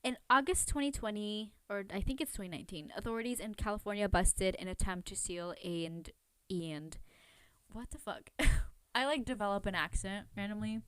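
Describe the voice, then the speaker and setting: A woman hosts a casual, chatty true crime podcast in a clear, resonant, medium-pitched voice with no echo. She talks informally and rambles, questioning herself and using lots of filler words.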